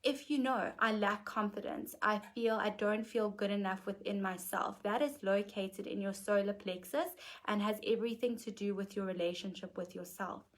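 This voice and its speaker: A woman hosting a live stream, teaching in a gentle, earnest way and often pausing with "okay". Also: medium pitch, steady tone. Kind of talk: reflective teaching talk.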